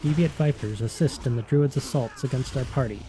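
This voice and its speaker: A man's voice: mid-range voice, a little fast, warm tone, slight background noise. A man narrating scripted fantasy game lore as a storyteller.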